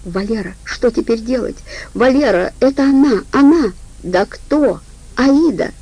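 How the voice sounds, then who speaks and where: A woman doing a squeaky panicked coward. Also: lively intonation, unhurried, dark tone, breathy edge, no room sound, heavily acted. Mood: panicked begging. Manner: squeaky, begging. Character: cowardly fat stoned man, pleading and squeaking.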